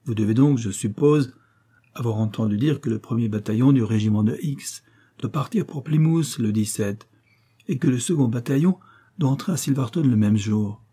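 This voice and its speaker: A man's voice: medium pitch, moderate pace, dark tone, breathy edge, close to an everyday voice. A man reading aloud, voicing a wheedling, insistent middle-aged matron who begs for money. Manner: pleading, insistent, dramatic.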